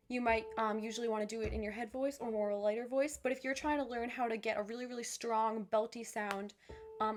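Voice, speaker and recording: A young woman who leads viewers through vocal warm-ups, encouraging and upbeat, with many fillers and restarts. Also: on the high side. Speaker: voice teacher. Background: piano.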